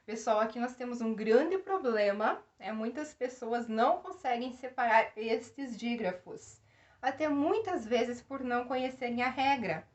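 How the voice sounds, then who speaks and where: A woman's voice: fairly high pitch, a little slow, muffled recording. A woman giving a grammar lesson, explaining step by step and asking the class questions. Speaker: teacher.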